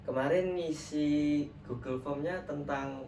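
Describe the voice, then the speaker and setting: The voice is a little high, slow, and slightly mellow, belonging to a young man role-playing a trainee counselor. He chats casually and warmly with many fillers, recorded through a distant mic in a roomy setting where background noise is clearly audible.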